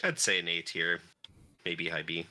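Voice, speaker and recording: A man from Canada chatting casually, blunt but halting, often repeating his words as he gives opinions. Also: deep voice, fairly even intonation, sharp tone, dry recording, studio quality. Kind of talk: casual chat, giving opinions.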